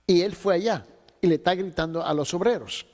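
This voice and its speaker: A man's voice: high voice, a little fast, darkish tone. A man teaching a theology class to pastors, telling a story with acted-out dialogue and slipping in English words. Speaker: theology instructor. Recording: long hall reverb.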